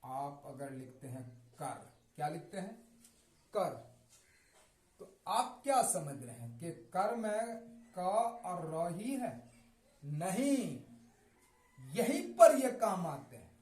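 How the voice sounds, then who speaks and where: A man teaching Hindi reading, who explains each letter slowly and says each word several times over so learners can drill it. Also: sits high, sing-song, darkish tone, reverberant. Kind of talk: classroom-style explanation.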